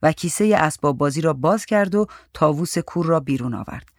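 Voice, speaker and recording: A narrator reading a short story aloud in a calm, even literary manner. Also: mid-range voice, dry recording, clean studio sound.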